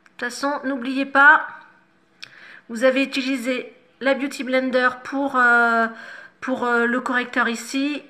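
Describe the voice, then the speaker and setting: Bright-voiced woman giving a makeup tutorial. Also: sits high, little pitch movement, measured pace. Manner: chatty and instructive, self-mocking asides. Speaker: makeup vlogger.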